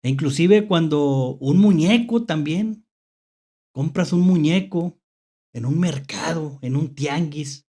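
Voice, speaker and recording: A horror story host with a Mexican accent tells spooky tales unscripted in a medium-pitched, warm voice at a slow pace. He hesitantly repeats phrases and checks in with rhetorical questions.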